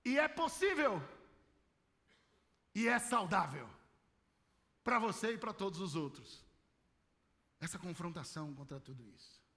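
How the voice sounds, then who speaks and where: A man's voice: sits high, sing-song, measured pace, long pauses, bright, forceful tone. A Brazilian man preaching a sermon on a microphone, passionately acting out the voices in the stories he tells. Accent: Brazilian Portuguese. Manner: impassioned, acts out biblical voices. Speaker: pastor. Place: large church hall. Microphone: handheld microphone. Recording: long church hall reverb.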